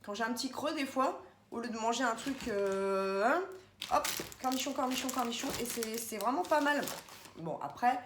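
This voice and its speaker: This grocery haul vlog features a woman at home indoors, rambling casually and speaking to viewers directly. Her voice is a little high and expressive at a moderate pace, recorded in an echoey room with faint background noise.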